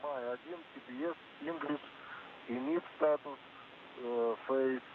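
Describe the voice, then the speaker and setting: A man's voice: medium pitch, unhurried. A man giving clipped, step-by-step instructions over a crackly space-to-ground radio link. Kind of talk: terse procedural radio talk. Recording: tinny narrowband radio with hiss.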